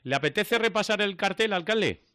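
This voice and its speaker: A man with a slightly raised voice hosts a regional radio program, running through the event schedule and putting quick, friendly questions to his guest. The sound is dry and close. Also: high-pitched, expressive, pushed and bright, smooth, no room sound. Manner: friendly, brisk questions and short acknowledgements. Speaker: radio host. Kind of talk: regional radio interview and presenting.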